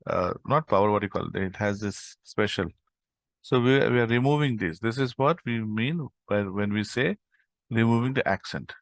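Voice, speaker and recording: A man's voice: lowish voice, expressive, normal speed, vocal fry, dry recording. A man teaching a live coding tutorial over an online call, explaining step by step with frequent "okay" and "right?". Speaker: instructor.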